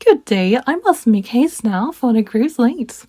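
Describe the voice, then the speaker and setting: A woman's voice: a little high, lively intonation, unhurried, warm tone, voice pushed up. A woman voicing a sweet, kind little girl who answers politely and cheerfully.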